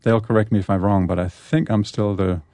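A man speaks English in a low, mellow voice. He chats easily as an interview guest and often repeats words as he goes. The sound is close and dry. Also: fairly even intonation, fairly quick, no echo. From Denmark. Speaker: guest, orchestral percussionist. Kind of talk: casual radio interview chat.

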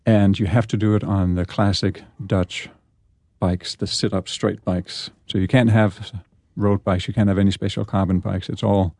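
A man, a guest chatting in a relaxed way in an interview. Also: on the low side, moderate pace, dry recording, clean studio sound. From Denmark. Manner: relaxed, chatty, repeats words as he goes. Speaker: guest, orchestral percussionist. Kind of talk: casual radio interview chat.

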